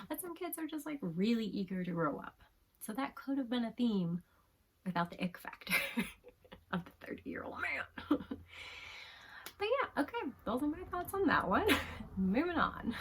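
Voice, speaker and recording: A woman casually reviewing manga, talking softly in a half-whisper with frequent giggles and plenty of fillers and restarts. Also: on the high side, very animated, a little slow, long pauses, slight background noise, poor audio.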